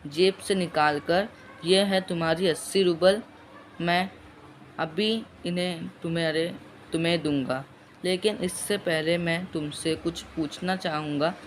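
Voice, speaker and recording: A man reading aloud as a stern male employer who speaks with loud, raised emphasis. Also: high-pitched, fairly even intonation, unhurried, slight background noise. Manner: louder, raised, emphatic delivery. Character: stern male employer, mocking then lecturing.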